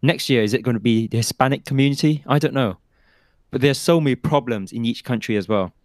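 A man co-hosting a casual discussion podcast, animated and putting questions to himself before he answers them. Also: mid-range voice, quick pace, no room sound, clean studio sound. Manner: animated, asks and answers his own questions. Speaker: podcast co-host.

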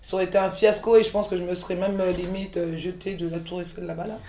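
A woman's voice: fairly low pitch, level tone, fast talker, warm tone, echoey room. A woman in her forties, born in the Ivory Coast, talking frankly as an interview guest, full of restarts and fillers. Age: 40s. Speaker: guest, chef and entrepreneur. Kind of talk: candid conversational interview.

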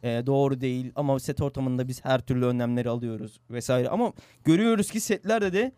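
A man's voice: mid-range voice, quick pace, mellow, clean tone, no echo, studio quality. Earnest young radio host man. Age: young adult. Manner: earnest, agreeable, repeats his points. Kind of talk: casual radio chat.

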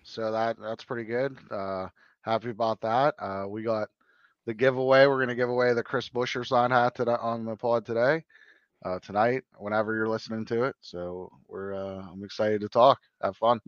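Halting male guest on dull lo-fi audio. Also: lowish voice, fairly even intonation, smooth, no echo. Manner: halting, lots of "uh" fillers. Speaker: podcast guest. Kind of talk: casual podcast chat.

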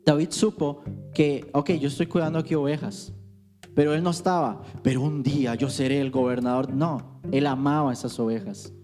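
A man's voice: medium pitch, fairly even intonation, moderate pace, darkish tone, soft background music. A man teaching on worship, telling stories in a loose, conversational way. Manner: conversational storytelling with anecdotes.

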